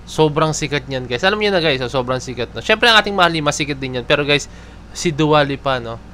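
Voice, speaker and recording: A talkative Filipino man giving casual fan commentary, constantly tagging his sentences with filler words. His voice sits a bit high and sounds bright. A faint hiss runs under the recording. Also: expressive, a little fast. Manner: chatty, constantly adds filler tags to sentences.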